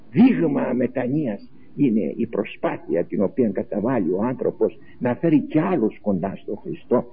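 A man preaching an Orthodox-style sermon, passionate, full of rhetorical questions and acted-out quotes. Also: medium pitch. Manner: impassioned, rhetorical questions, acts out quoted voices. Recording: tinny lo-fi recording with faint hiss.

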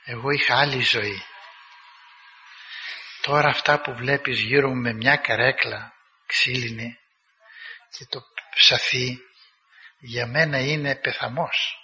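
A man voicing an aged former senator turned hermit, speaking in a calm, measured, slightly lower voice. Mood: calm, reflective. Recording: dull recording with long hall reverb.

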